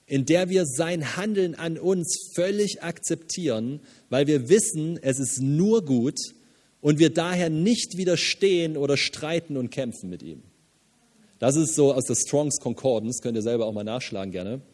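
Lively pastor preaching in a hall. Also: male voice, fairly high pitch, moderate pace. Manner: lively, emphatic preaching with casual asides and laughs. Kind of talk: sermon. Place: church hall.

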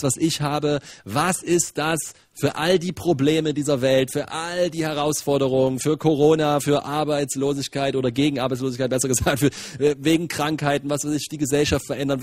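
Husky-voiced man preaching conversationally. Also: a little high, no room sound, studio quality. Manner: animated, rhetorical questions, colloquial asides. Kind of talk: conversational sermon.

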